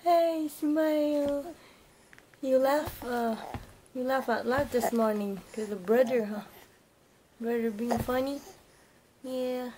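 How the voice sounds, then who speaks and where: A young mother coos slowly in a high, sing-song voice, drawing her words out as she talks to her baby. Her voice sounds a little worn, as if it is still recovering. She is recorded close on a handheld camera indoors, with clear noise in the background of the home video. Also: fairly even intonation, mellow. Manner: sing-song, cooing, laughing often. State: voice recovering from loss. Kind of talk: baby talk to an infant.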